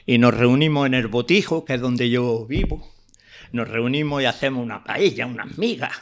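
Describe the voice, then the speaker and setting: A man's voice: medium pitch, moderate pace, background noise. An older man, a guest poet telling heartfelt stories in a radio interview. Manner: earnest, heartfelt storytelling with frequent restarts. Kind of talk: radio interview, reminiscing and introducing poems.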